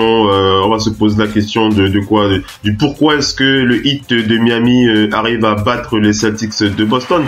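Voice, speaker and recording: A French-accented man hosts a basketball talk show on web radio from a radio studio, his voice congested with the flu. Speaking at an ordinary middle pitch, he hesitates with many fillers and restarts, then surges into hyped-up announcer bursts.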